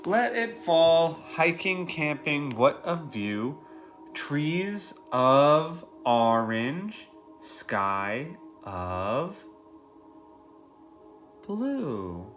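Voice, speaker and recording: Here the man, a preschool teacher in his thirties, reads aloud in his living room and addresses little kids directly with questions and easy explanations. His voice is a little high and very animated, a bit bright, and extremely slow. Music is faintly audible behind it.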